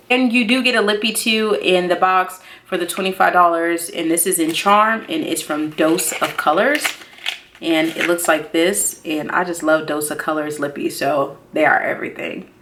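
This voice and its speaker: A beauty vlogger in her thirties chats excitedly to viewers during an unboxing, expressive and slangy, repeating herself for emphasis. Her voice is on the low side and she talks at a normal speed.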